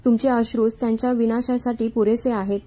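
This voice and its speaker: A woman voicing a kind, comforting young man, calm and reassuring, in her own reading voice. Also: on the high side, a little fast, close to an everyday voice.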